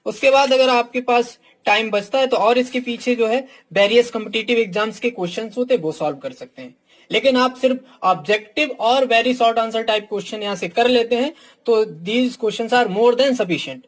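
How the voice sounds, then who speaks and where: A frank male coach with a very high voice speaks at normal speed, reviewing books for exam students in a casual teaching talk. He constantly says "ठीक", filling nearly every phrase with it, and talks straight to his students, calling them "my dear".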